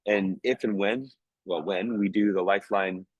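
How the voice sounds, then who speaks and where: A man's voice: fairly low pitch, steady tone, normal speed, no echo, poor audio. A man coaching a group over a video call, with an emphatic, heartfelt manner. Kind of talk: motivational coaching talk. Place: home, in Vancouver.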